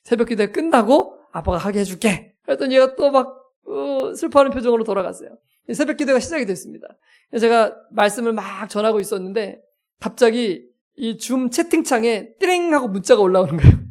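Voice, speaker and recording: A male pastor preaching a sermon as a lively story, acting out scenes and poking fun at himself. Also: very high voice, fast talker. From South Korea. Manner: lively, self-mocking storyteller who acts out scenes.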